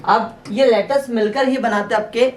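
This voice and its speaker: A man teaching a spoken English lesson, often addressing his viewers as friends and drilling words by slow repetition. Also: extremely high pitch, steady tone. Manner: addresses viewers as friends, checks with "theek hai". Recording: roomy echo, mic at a distance, faint noise.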